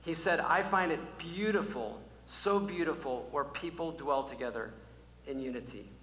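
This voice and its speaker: A man preaching from the pulpit, his bright, forceful voice carrying through a large church hall with a long, echoing tail. He presses key words again and again, rising to loud calls and dropping to near-whispers, and a faint hum sits underneath. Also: fairly high pitch, moderate pace. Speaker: pastor. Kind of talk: sermon. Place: church sanctuary.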